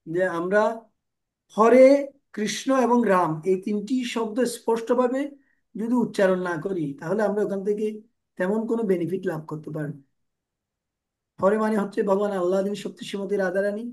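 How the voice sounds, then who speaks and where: A man giving a devotional class into a microphone, explaining with everyday examples and rhetorical questions, his throat strained from talking loudly. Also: high-pitched. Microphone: handheld microphone.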